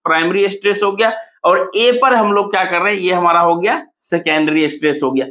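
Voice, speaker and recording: A man with a high voice teaches an exam-prep lesson. He asks questions and answers them himself, repeating words slowly to show where the stress falls. The sound carries a clear echo of the room. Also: bright, forceful tone. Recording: echoey room.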